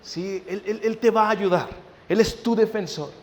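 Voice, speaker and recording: Speaking at normal speed in a high voice, a male pastor delivers a sermon, checking in with his audience often and acting out family conversations in anecdotes. Long hall reverb fills the recording.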